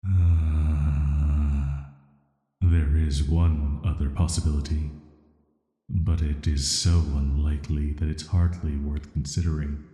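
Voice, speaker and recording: Heavy cavernous reverb surrounds this slow audio drama monologue, where a man plays a banished, immortal villain from ancient times, cursed yet calm and flirty. Speaking softly, he keeps his delivery flat, measured and a little hesitant. The mood is calm and pondering, and his voice is very deep, soft and atmospheric.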